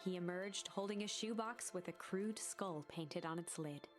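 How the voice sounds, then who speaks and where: A woman's voice: fairly low pitch, moderate pace, lightly acted. A woman playing a storybook narrator in a video game, reading scripted narration. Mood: measured storytelling. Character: storybook narrator of a children's mystery tale. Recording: music under the voice.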